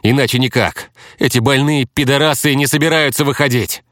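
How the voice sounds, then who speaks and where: A man voicing a desperate, defiant young man who shouts in an audiobook. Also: medium pitch, fairly even intonation, brisk, no room sound, clean studio sound, pitched above the performer's own voice, natural voice.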